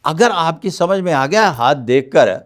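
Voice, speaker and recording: A man speaking as a palmist guest on a podcast interview, with measured, formal and courteous phrasing. He is from Pakistan. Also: fairly high pitch, lively intonation.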